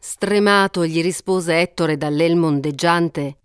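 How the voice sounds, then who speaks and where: A woman narrates an ancient epic in a steady, measured way. Her voice is smooth and resonant. The recording is dry and close. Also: lowish voice, no echo.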